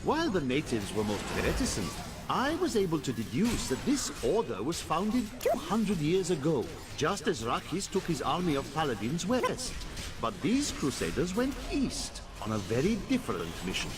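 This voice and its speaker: A man's voice: a little high, huge pitch swings, normal speed. A man playing an earnest, learned chronicler who narrates video game lore in a formal, theatrical way. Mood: earnest, scholarly. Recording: game music behind the voice.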